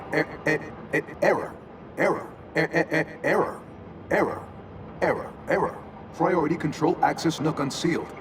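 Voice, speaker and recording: A man's voice: on the high side, distant mic, heavy background noise. A man voicing a malfunctioning male archive AI in a video game, its speech glitching and stuttering over broken syllables. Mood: grandiose, malfunctioning. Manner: lofty pronouncements breaking into stuck, repeating fragments. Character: malfunctioning male archive AI, grandiose, coldly corporate. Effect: glitching, stuttering machine voice that repeats broken syllables.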